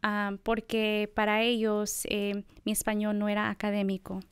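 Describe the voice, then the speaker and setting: A middle-aged American woman, an assistant professor of bilingual education, speaks thoughtfully in a conversational interview, using many fillers. Her mid-range voice is monotone and clean, at normal speed, with no room sound.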